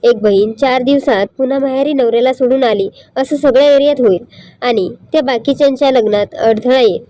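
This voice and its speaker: A woman voices a young bride in a told story, pained and questioning. The tone is mellow and slightly high. The recording is close and dry. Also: a little fast, no room sound, close to an everyday voice. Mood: pondering. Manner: indignant, pained. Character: young bride, hurt and upset.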